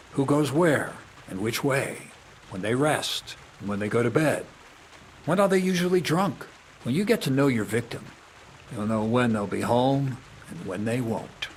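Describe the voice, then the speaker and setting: An actor playing a blunt, coarse medieval thief who lectures on stealing, in a video game. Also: male voice, mid-range voice, slight background noise, lightly acted. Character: gruff older male medieval thief, blunt and crude.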